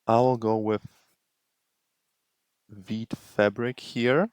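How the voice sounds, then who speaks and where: A man with a low voice walks through a tutorial at a slow, unhurried pace, thinking aloud as he goes. He is close to the mic in a dry room. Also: flat delivery, a little mellow, clean tone, no echo. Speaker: tutorial host. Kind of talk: screen-recording tutorial narration.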